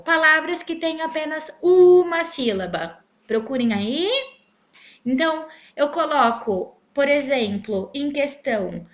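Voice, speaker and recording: Brazilian teacher lady, high bright voice, really bouncy, drags out syllables when she spells words. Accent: Brazilian Portuguese. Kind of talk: online grammar lesson.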